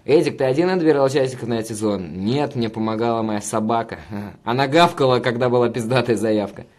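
A man's voice: mid-range voice, brisk, darkish tone. A man hosting a casual livestream, reading viewer comments and bantering with profane, rambling jokes. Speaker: livestream host reading chat.

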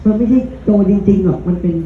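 A man's voice: high voice, quick pace. A man improvising a comic role-play as a polite hero, flirting in a bashful, hesitant way. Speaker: streamer playing a hero. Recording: echoey phone-like stream audio with faint music.

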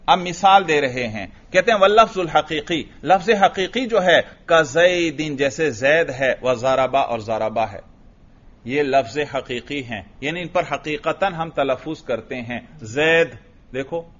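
In a lecture room, a male religious teacher with a Pakistani Urdu accent gives a grammar lecture, posing questions to the class and answering them himself. His voice is a little high and a bit bright, and he recites Arabic text slowly before explaining it. The classroom recording is dull and lo-fi.

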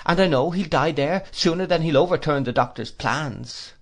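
A man reading an audiobook, voicing a pompous, gushing older woman in a high, theatrical voice. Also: normal speed. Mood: insistent.

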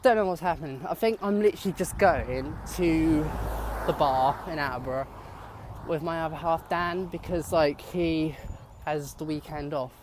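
Here a young man vlogs outdoors, strolling by sunny fields with a handheld camera and chatting cheerfully as he rambles on. He speaks at a normal speed in a higher-pitched voice, with background noise audible.

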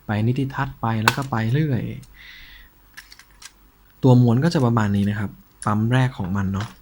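A man hosting a collector's show in a casual, informal show-and-tell style, with a slightly husky voice. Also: mid-range voice, moderate pace, noisy background. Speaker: host of a cassette collection show.

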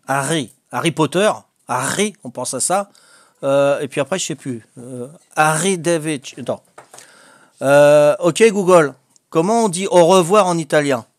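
A man's voice: on the high side, a little slow, no room sound, clean studio sound. Hesitant older Corsican man. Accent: Corsican French. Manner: hesitant, many fillers and restarts, joking. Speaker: vlogger learning a language. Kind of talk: casual home video lesson.

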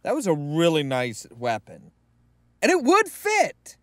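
A man's voice: a little high, huge pitch swings, unhurried, a bit bright, dry recording. A man giving casual commentary as he streams a game, indoors in a small room.

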